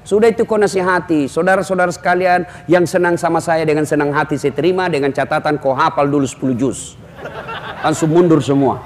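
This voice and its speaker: Brief: man, high-pitched, humorous sermon, echoey hall. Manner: animated, shouting punchlines. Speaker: preacher. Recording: echoey hall with faint background noise.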